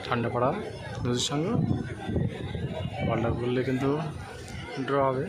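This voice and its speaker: A man's voice: mid-range voice, level tone, unhurried. A man calling football play-by-play in short, clipped, repeated phrases. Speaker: football match co-commentator. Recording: very noisy, loud crowd around.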